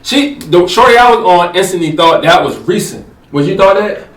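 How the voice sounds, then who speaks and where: Animated young man telling a story, echoey room. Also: high voice, moderate pace. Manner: animated, acts out quoted dialogue. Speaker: co-host. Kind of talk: casual storytelling chat. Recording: echoey room, mic at a distance.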